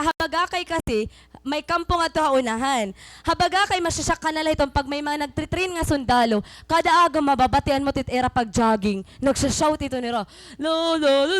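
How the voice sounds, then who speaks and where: High-voiced Waray Filipino woman preacher. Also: no room sound, rough recording. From Samar, Philippines. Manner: animated, mixing Waray and English mid-sentence; teaching, repeats and defines key words. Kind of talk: sermon.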